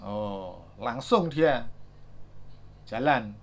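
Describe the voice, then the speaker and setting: Slow-talking man demoing gadgets. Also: mid-range voice, animated. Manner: thinks aloud, reads out numbers, many fillers. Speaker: gadget reviewer. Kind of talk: casual product demo.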